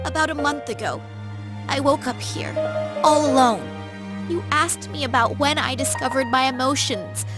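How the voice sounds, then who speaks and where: In an English anime-style video game, an actress with a high female voice plays a desperate, devoted younger sister, pleading with raw emotion.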